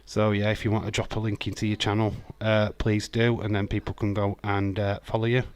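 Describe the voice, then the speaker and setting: Hosting a casual live watch-along, a man from Yorkshire, England, talks in a broad Yorkshire accent with a lowish, monotone voice. He's chatty, reads out viewers' comments, swears, and fills his pauses with plenty of "uh" and "um".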